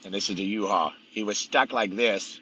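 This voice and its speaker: A man talking loosely as a podcast guest, with a strikingly bright, forceful tone and a fairly low pitch. He tells stories bluntly, swearing freely and circling back on himself. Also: fairly even intonation, moderate pace, breathy edge, low-quality recording. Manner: blunt, profane, rambling storyteller. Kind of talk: casual conversation, storytelling.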